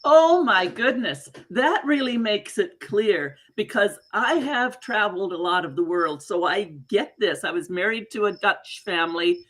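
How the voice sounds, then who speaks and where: A woman hosting an interview in a conversational, expressive way, reflecting back what she hears. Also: mid-range voice, measured pace, hardly any pauses. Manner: expressive, exclaiming, paraphrases back. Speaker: interview host and coach.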